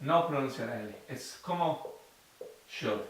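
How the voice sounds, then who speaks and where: A man giving an online language lesson as the teacher, explaining slowly and repeating example phrases. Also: fairly high pitch, expressive, sharp tone. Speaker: English teacher. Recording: roomy echo, mic at a distance.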